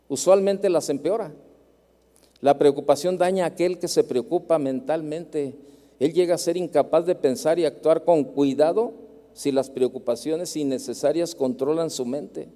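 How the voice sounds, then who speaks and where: A man's voice: on the high side, moderate pace, dark tone, long reverb tail. A man with a Mexican accent preaching a sermon as a pastor, telling a story and repeating phrases for emphasis.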